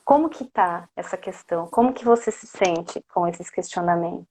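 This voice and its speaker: In a lowish, mellow voice at a moderate pace, a Brazilian-accented parenting coach gives a motivational lecture. Her listeners are constantly addressed with questions, and "né?" caps many of her phrases.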